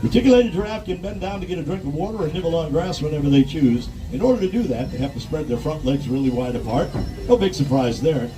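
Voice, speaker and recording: A man giving a folksy theme park ride spiel as a train tour guide, narrating the sights to riders, heard from a distance over loud vehicle noise. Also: fairly high pitch, expressive, fast talker. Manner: folksy, addresses riders as folks, repeats safety reminders. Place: outdoors on a moving open tour train.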